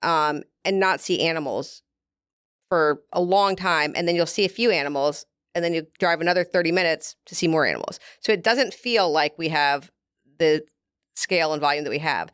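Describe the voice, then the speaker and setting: A woman's voice: deep voice, normal speed, a bit bright, smooth, dry recording, studio quality. A woman guest from a beef producer, explaining things at length in a casual interview and laughing easily.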